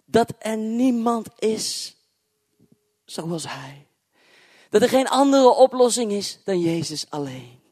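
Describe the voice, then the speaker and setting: A man preaching a sermon, swinging from loud, emphatic proclamation to hushed, near-whispered storytelling and acting out the dialogue in his stories. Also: sits high, big pitch swings, slow pace, pauses often, dry recording, studio quality. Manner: acts out dialogue in his anecdotes.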